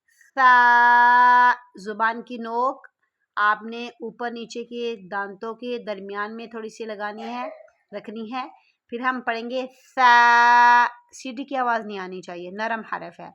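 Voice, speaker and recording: A woman teaching the Quran alphabet, stretching each letter out loudly and slowly, then explaining softly. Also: a little high, steady tone, highs cut off. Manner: drawn-out, loud sounding of each letter, then brief soft explanation. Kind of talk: slow letter-by-letter recitation lesson.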